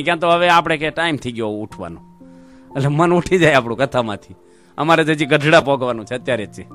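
Before a seated audience at a religious gathering, a man who is a monk tells stories during his discourse, briefly playing the characters involved. His voice is on the high side and a bit bright.

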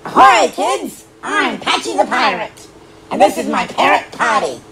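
A woman voicing a jolly male pirate who tells stories to kids, hearty and loud. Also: a little high, very animated, measured pace, noisy background.

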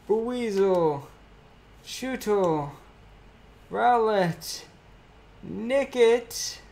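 Slow, lively young man opening card packs. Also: high-pitched. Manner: lists cards aloud, chatting with viewers. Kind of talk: casual live-stream commentary.

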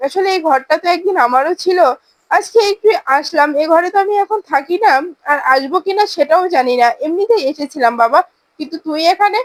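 A woman's voice: very high voice, lively intonation, a little fast, no echo. A woman voicing a heartbroken estranged wife and mother, wistful and searching.

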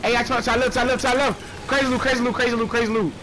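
A young man streaming a game, chatting casually with excitable, slangy talk and quick repeated callouts. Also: very high-pitched, noisy background. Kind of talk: casual gaming chat.

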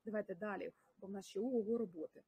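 A woman's voice: medium pitch, fast talker, mellow, slightly rough, no room sound. A woman with a Ukrainian accent teaching an English lesson on a livestream, mixing both languages and praising her students by name.

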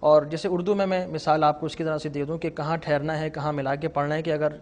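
A man's voice: fairly high pitch, flat delivery, quick pace, darkish tone. A man, a Quran reciter, patiently explaining recitation rules as a guest in an interview and chanting Arabic examples.

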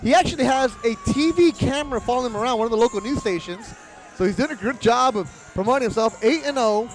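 Male lead boxing commentator, very high-pitched, casual banter, light music underneath. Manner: bantering, informal. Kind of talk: casual sports broadcast commentary. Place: outdoors at ringside.

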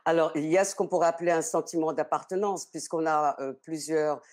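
A middle-aged woman, the general commissioner of an arts season, answering interview questions over a video call from a study, measured and full of hesitations. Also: low-pitched, fairly even intonation, a little mellow. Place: study with bookshelves.

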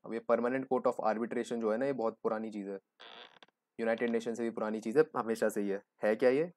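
A man's voice: on the low side, fairly even intonation, a little fast, darkish tone, slight background noise. A young man giving a joking, conversational exam-prep lecture, explaining with everyday examples. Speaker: teacher.

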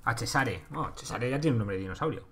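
A man with a Spain accent streams a game live, talking to himself and his chat in a loose, swearing way. His pitch rises and dips a lot as he goes. Faint keyboard clicks and typing sit under his voice. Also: animated, fairly quick, background noise. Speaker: livestreaming gamer. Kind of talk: casual live gameplay commentary.

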